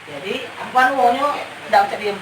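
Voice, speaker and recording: A woman's voice: a little high, a little fast. A woman, telling a story casually and repeating phrases for emphasis. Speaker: guest recounting ghost sightings. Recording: roomy, distant mic with background noise.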